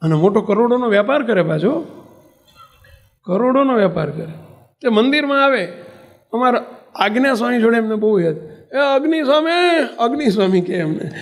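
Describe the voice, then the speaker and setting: High-voiced swami preaching in a hall. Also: male voice, normal speed, pauses often. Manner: animated, asks rhetorical questions and acts out characters. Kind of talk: devotional sermon with storytelling. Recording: long hall reverb.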